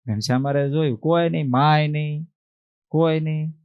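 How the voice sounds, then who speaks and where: A man, a monk telling a devotional story in an animated way, acting out voices and asking the listeners questions. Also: on the high side, brisk, dry recording, narrow, tinny audio. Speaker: monk giving a religious discourse.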